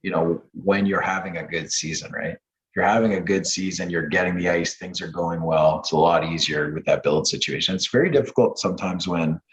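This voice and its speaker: A man's voice: low voice, fairly quick, a bit bright, a little hiss or hum. A man in his late thirties, a podcast guest chatting casually and rambling with lots of restarts. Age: late 30s. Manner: rambling, many restarts and fillers. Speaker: podcast guest, former junior hockey player and coach. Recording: dull lo-fi sound.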